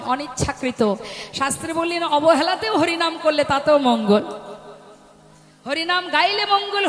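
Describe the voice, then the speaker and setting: High-voiced woman preaching in an echoey hall. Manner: addresses listeners as mother, asks them questions. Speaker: kirtan preacher. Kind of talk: devotional sermon to a live audience.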